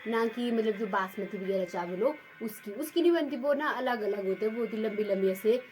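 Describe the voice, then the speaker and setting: A woman's voice: mid-range voice, animated, moderate pace, darkish tone, soft background music. A woman with a Himachali Pahadi accent, chatting to her viewers as a village vlogger in a rambling way full of fillers. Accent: Himachali Pahadi Hindi. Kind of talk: casual chat to viewers.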